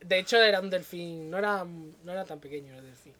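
A man's voice: high-pitched, fairly quick, pushed and bright. A man tells a story in casual conversation. He keeps chuckling as he talks, loose and unscripted. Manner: laughs often while telling a story. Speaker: podcast co-host.

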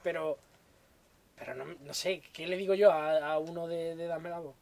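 A man's voice: on the high side, steady tone, normal speed, darkish tone. A man from co-hosting a podcast, giving blunt opinions and swearing casually. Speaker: podcast co-host.

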